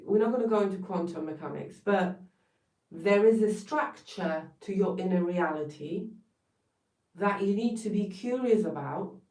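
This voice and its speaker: A woman from Poland with a Polish accent giving an emphatic, blunt motivational talk on a live stream, swearing now and then for emphasis. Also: mid-range voice. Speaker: wellness coach. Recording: roomy sound, distant from mic.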